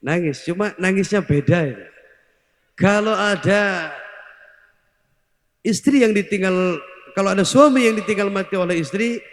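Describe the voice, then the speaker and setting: High-voiced joking preacher in echoey hall. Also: male voice, unhurried, pauses often. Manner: joking, crowd-teasing, switches between Indonesian and Javanese words. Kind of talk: comic sermon with singing. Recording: echoey hall, long reverb.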